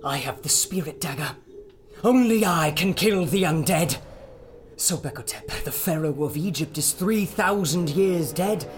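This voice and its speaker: An imperious cult villain. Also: male voice, on the high side, animated, unhurried, background noise. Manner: formal, imperious pronouncements. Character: ruthless male cult leader, cold and domineering. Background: music.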